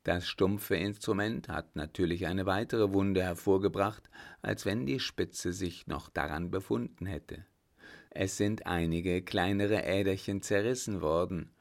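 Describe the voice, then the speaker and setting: A man voicing a calm, wounded young soldier who soothes his sweetheart in an even, steady manner. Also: low-pitched, measured pace, creaky. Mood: reassuring.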